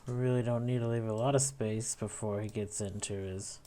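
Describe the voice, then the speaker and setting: A man with a lowish, mellow voice talks a little fast in a steady tone. He's a video editor narrating a casual tutorial, musing and thinking aloud with tag questions as he demonstrates an edit, with keyboard typing and clicking clearly audible in the background.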